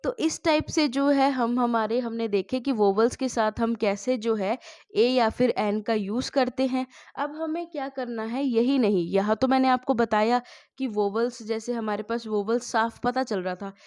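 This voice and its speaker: A woman's voice: on the high side, normal speed, a little mellow. A woman teaching a spoken English lesson, asking the class questions and answering them herself.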